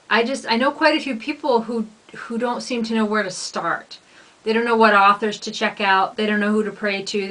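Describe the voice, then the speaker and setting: A woman's voice: mid-range voice, a bit bright, rough recording. A woman giving a casual, unscripted spiritual talk to viewers as a minister, rambling and earnest in a folksy way.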